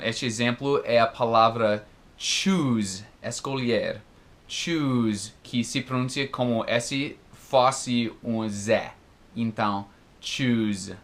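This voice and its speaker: Slow, careful male teacher. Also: medium pitch, fairly bright tone. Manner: slow, careful, repeats words for practice. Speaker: English teacher. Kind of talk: recorded pronunciation lesson.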